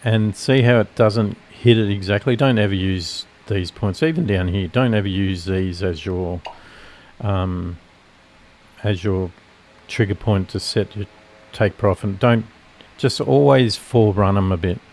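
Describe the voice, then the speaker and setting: A man's voice: fairly low pitch, measured pace, darkish tone. A man with a nasal voice giving casual live commentary on futures trades, rambling and correcting himself as he explains his setups.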